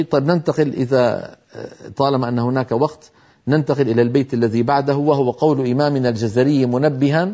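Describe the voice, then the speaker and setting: A man teaching Quran recitation in a televised lesson, explaining carefully and slowly demonstrating how words are pronounced. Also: medium pitch, a little mellow, highs cut off.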